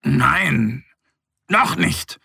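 A man's voice: medium pitch, very animated, very slow, creaky, pushed and bright, slightly rough, no room sound, studio quality, exaggerated voice. A man voicing an eager, enthusiastic little boy bear cub in a children's audio story, talking in a raised, bubbling voice. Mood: determined. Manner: eager, bubbling, stammers when reading.

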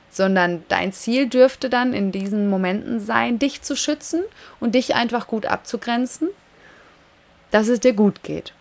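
Hosting her own advice podcast, a coach addresses the listener one-on-one in a medium-pitched voice, speaking emphatically and often adding tag questions to check in.

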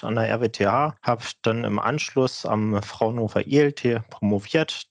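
A man in his forties with a fairly low voice, heard up close with almost no room sound. He joins over a video call and explains things in precise, formal technical language. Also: no room sound. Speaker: guest engineer. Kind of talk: remote interview.

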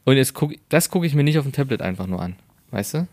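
A man's voice: medium pitch, very animated, quick pace, darkish tone, dry recording. A man co-hosting a podcast in casual chat, laughing often and rambling with many restarts. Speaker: podcast co-host.

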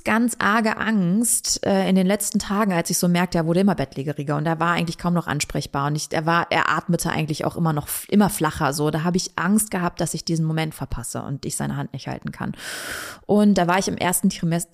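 Low-voiced woman telling a personal story. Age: 30s. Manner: halting, reflective, often restarting sentences. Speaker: podcast guest.

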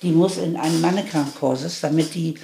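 Gravelly older woman recounting her life. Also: low voice, steady tone, over a noisy crowd. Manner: candid, halting with restarts, emphatic on key points. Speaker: interviewee. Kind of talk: reflective life-story telling.

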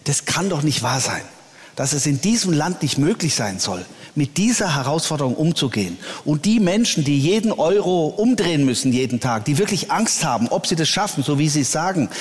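A man, a church leader, answering interview questions earnestly, often pausing with hesitations. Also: a little high, big pitch swings. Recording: long reverb.

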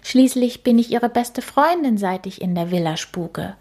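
A woman's voice: on the high side, lively intonation, unhurried, dark tone, husky, voice pushed up, heavily acted. A woman voicing a sad, tired female ghost who speaks politely but in a whiny, plaintive tone, in a storybook reading.

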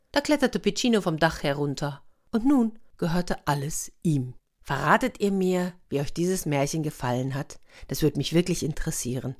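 A woman reads a children's fairy tale aloud in a somewhat low voice. She keeps it lively and turns to her young listeners now and then. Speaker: children's storyteller.

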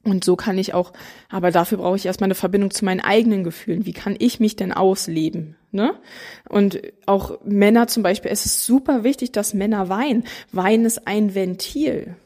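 A mother of three in her thirties talking straight to viewers, animated and emphatic, acting out what others say. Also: medium pitch, moderate pace. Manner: animated, emphatic, acts out quotes. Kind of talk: casual talking to camera.

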